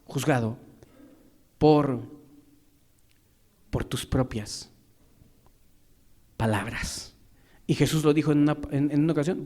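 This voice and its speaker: A preacher with a high-pitched man's voice delivers a sermon to his congregation. He voices other people's complaints and questions as he speaks, and he swings from loud, raised lines down to low, quiet passages. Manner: acts out quoted complaints and rhetorical questions.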